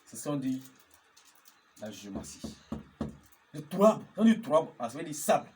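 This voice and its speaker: A man's voice: a little high, big pitch swings, moderate pace, darkish tone, slight background noise. A man, teaching geomancy as a marabout, chanting formulas over and over and often asking if listeners follow. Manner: often checks understanding with questions. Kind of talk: instructional talk.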